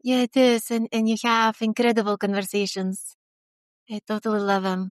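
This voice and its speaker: Earnest interview guest: a woman in her forties with a Lithuanian accent, smooth and crisp in tone, recorded close and dry. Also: mid-range voice, level tone, no room sound. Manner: earnest, talks in quick bursts with restarts. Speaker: guest, HR consultant. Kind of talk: casual interview talk.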